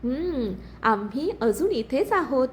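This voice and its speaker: A woman's voice: high voice, sing-song, slow pace, slight background noise, heavily acted. A woman voicing a light-hearted young male office colleague in a story reading. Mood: quipping. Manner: light, quipping.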